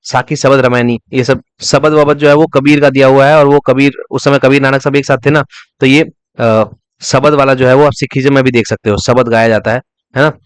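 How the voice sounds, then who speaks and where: A man teaching a fast revision lesson for exam students, repeating key terms as memory tricks and asking and answering his own questions. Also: medium pitch, fairly even intonation, clear, resonant tone, no room sound. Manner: breaks into short sung snatches to illustrate.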